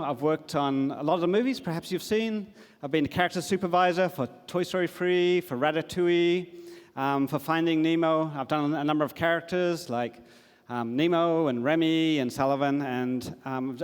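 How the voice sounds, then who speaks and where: A man's voice: fairly high pitch, normal speed, clear, resonant tone. A middle-aged man giving a casual, enthusiastic conference talk, with plenty of fillers. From Australia. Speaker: conference speaker. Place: large conference hall. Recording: long hall reverb.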